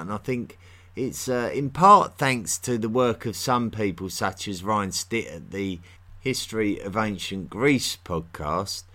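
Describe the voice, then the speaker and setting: A man's voice: low voice, a bit bright. A man with a London-area English accent hosting a history podcast, chatting in a friendly way with many ums and restarts. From England, near London. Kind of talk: solo podcast talk.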